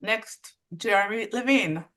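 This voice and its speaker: Slow, halting woman host. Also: medium pitch, bright, forceful tone. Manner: halting, with many pauses and fillers. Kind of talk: introducing panelists at an event.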